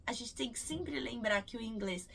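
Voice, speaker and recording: A Brazilian woman in her thirties teaching English in a casual video, patiently repeating example words slowly. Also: a little high, expressive, creaky, fairly bright tone, husky. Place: cruise ship.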